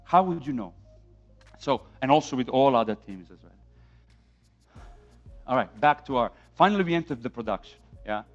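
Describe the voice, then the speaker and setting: On stage in a dimly lit conference room, a man from Serbia in his thirties talks about film sound in an informal, emphatic way, with a Serbian accent. He uses a mid-range voice at normal speed, pausing often, and stays animated, pressing his points with rhetorical questions. Music runs under a dull, lo-fi capture of the event.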